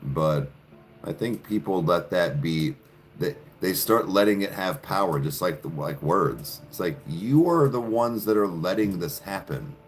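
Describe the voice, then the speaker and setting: Low, slow-talking ranting podcast man. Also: lively intonation, a little hiss or hum. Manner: profane, ranting, sarcastic. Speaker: podcast host. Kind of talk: casual podcast chat. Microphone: studio podcast mic.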